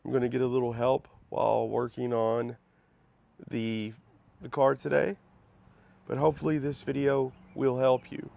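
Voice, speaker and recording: A man hosting a DIY car repair tutorial, recovering from a cold, with a relaxed, friendly way of explaining. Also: medium pitch, normal speed, gravelly, lo-fi sound. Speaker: host.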